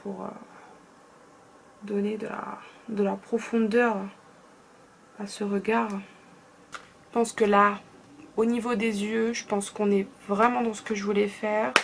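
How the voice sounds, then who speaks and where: Talking her way through a makeup tutorial, this young French beauty vlogger keeps it casual and often fades into murmurs. Her voice sits at medium pitch with little movement, creaky and slow, with frequent pauses and a faint hiss or hum.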